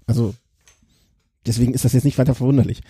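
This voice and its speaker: Dark, husky podcast host, male. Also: mid-range voice, fairly even intonation, fast, no echo, studio quality. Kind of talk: casual podcast chat.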